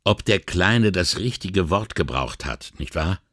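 A man's voice: low voice, expressive, unhurried, fairly bright tone, no room sound, clean studio sound, full character voice. Man voicing an indignant weary inspector. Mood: doubtful. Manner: sighing, exasperated and morally upset. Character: weary, indignant middle-aged male police inspector. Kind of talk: audiobook character reading.

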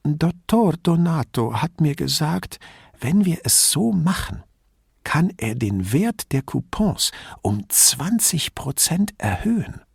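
A man voicing a frail, chatty old widow who rambles and confides in a hushed tone. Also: very animated, unhurried, no room sound, studio quality, full character voice. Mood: confiding. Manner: rambling, confidential, lowers voice to a whisper.

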